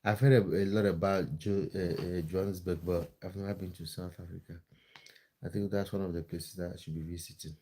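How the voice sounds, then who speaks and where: A man's voice: low-pitched, fairly even intonation, a little fast, warm tone, husky. A man from Cameroon, hosting a casual live stream, reading viewer comments in a friendly, chatty way with lots of fillers and restarts. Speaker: live-stream host and football content creator.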